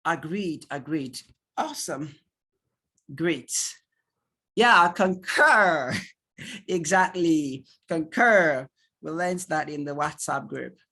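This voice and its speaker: A male tutor with a Nigerian accent gives an online training lecture to parents through a computer mic. His voice is on the high side and slow with long pauses, but animated; he piles up rhetorical questions and laughs easily while reading the chat.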